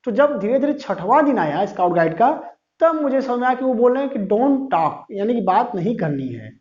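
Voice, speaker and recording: A man's voice: very high-pitched, very animated, brisk, a little mellow. Man giving a lecture, voice goes up and down a lot, asks himself questions, kinda dull lo-fi audio. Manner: asks and answers his own questions; says "thik hai" often. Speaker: teacher. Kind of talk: classroom-style lecture. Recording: dull lo-fi sound.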